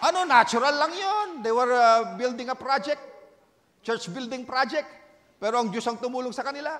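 A male pastor preaching a sermon in Tagalog and English, swinging between shouted exhortation and hushed storytelling, with frequent amens. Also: very high voice, normal speed, long reverb tail, a faint crowd, slight background noise. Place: church.

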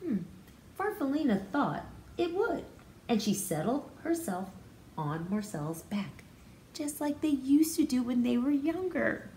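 An American pre-kindergarten teacher reads a story aloud to young children and explains it expressively in simple words, her high-pitched voice very animated, unhurried and dark in tone. She's indoors in a small, hard-walled room with roomy echo and faint background noise.

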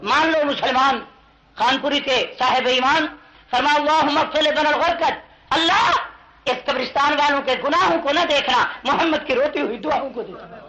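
A man preaching a fiery sermon to a crowd in a rhythmic, rhyming cadence, calling the listeners to answer him and rising into impassioned shouts. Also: very high voice. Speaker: Islamic preacher. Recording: dull lo-fi 1982 tape of a live gathering.

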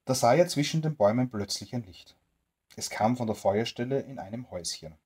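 Bedtime story reader, gentle and expressive, lively pitch, a bit husky. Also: fairly quick. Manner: gentle, expressive reading aloud.

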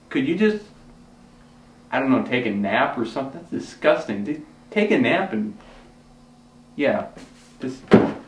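A man as a frantic, exasperated director, his voice swinging high and low as he scrambles to keep a shoot together. He sounds a little distant, in an echoey room with faint hiss behind him. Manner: frantic, exasperated, talks fast. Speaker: rookie film director. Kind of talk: comedy sketch acting.

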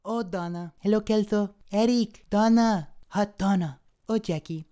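A man's voice: sits high, a little slow, dark tone, clean tone, voice pushed up. A young man switching impression voices, here playing a polite, lovestruck foreign exchange student for comedy. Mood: smitten, sweet.

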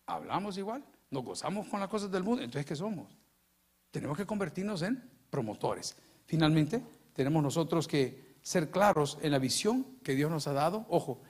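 Animated, husky-voiced Salvadoran preacher. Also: male voice, high voice. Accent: Salvadoran Spanish. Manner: animated storytelling, acting out dialogue, jokes. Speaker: pastor. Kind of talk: lively sermon with anecdotes. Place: church sanctuary.

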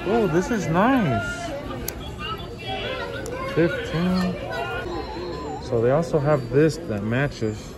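This vlog host has a fairly high, expressive voice, stretching out his words and pausing often as he films a shopping trip and notes prices around a large indoor retail store. A loud crowd and the store's music fill the background.

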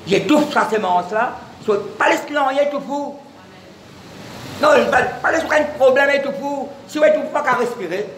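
High-voiced pastor preaching. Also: male voice, moderate pace, a bit bright. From Mauritius. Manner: switches between French and Mauritian Creole, repeats words, calls on congregation. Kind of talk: sermon. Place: church hall. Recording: echoey church with faint room noise.

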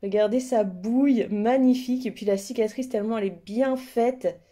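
A woman with a fairly high, mellow voice hosts a casual unboxing. She talks with a mouth numb from the dentist, slightly impeded, and is effusive in her admiration. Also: normal speed. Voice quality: numb-mouthed, slightly impeded speech after dental extraction. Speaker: host of unboxing videos.

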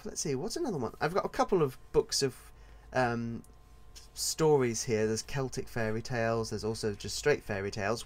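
A man hosting his own podcast as an author, talking in a casual, rambling and digressive solo monologue. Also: medium pitch.

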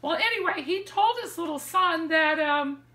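A woman's voice: very high voice, normal speed. An older woman telling a story casually to the camera in her living room, acting out the lines she quotes. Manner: animated, acts out quoted lines with hand gestures. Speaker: vlogger sharing dating advice. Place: living room, seated in armchair indoors. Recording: echoey room.

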